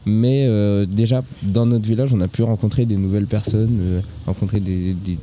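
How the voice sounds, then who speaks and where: Very dark-voiced teenage boy guest. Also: on the low side, fairly even intonation, normal speed, slight background noise. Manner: casual, hesitant youth speech. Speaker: young guest.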